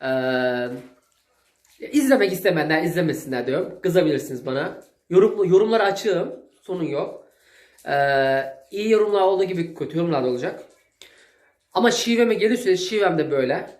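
A man's voice: on the high side, expressive, fairly quick, reverberant. A man with a Zonguldak Turkish dialect, chatting casually and folksily to his viewers as a cooking vlogger. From Zonguldak, Turkey. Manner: folksy, rambling, with long shout-outs to viewers. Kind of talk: casual chat to camera.

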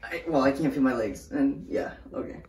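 A man's voice: medium pitch, expressive, normal speed, gravelly, darkish tone. A young man chatting casually to the camera as a vlogger. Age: young adult. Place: small home bathroom, indoors. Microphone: camera a few steps away. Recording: echoey room, distant mic, noisy.

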